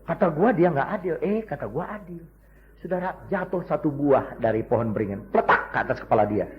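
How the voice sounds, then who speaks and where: A man preaching a lively sermon full of humorous stories, jumping from loud shouts to hushed asides and acting out the people he quotes. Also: fairly high pitch, fairly quick, a little hiss or hum. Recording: dull lo-fi recording.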